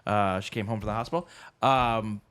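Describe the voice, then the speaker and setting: A man's voice: fairly low pitch, fairly even intonation, normal speed, a bit bright, clear, resonant tone. A man co-hosting a casual podcast, easygoing and joking as he asks questions. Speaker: podcast co-host.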